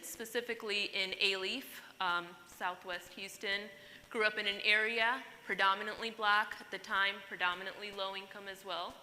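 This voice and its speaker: A woman's voice: mid-range voice, sharp tone. A woman from Pakistan, giving an earnest, emphatic keynote speech to a conference audience. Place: large conference hall. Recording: hall reverb, faint noise.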